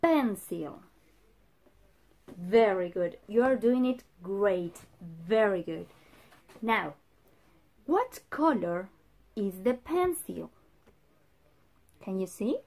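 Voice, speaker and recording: A young woman, a native Spanish speaker, teaching English to young children in simple, emphatic phrases as if to a toddler, pausing for answers. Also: mid-range voice, lively intonation, a little mellow. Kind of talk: children's vocabulary lesson with repeat-after-me drills. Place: indoor room in front of a whiteboard.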